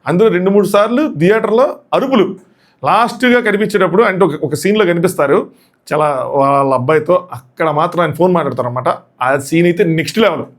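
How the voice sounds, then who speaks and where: A man with a voice hoarse from shouting gives a casual, excited, rambling movie review and repeats his points. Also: sits high, quick pace.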